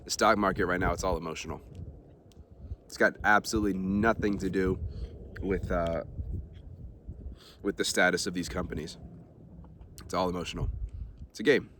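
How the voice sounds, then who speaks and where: Man, very low voice, casual vlog talk, rambling with fillers, faint background hiss. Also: moderate pace, long pauses. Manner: relaxed, rambling, many ums and uhs. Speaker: vlogger.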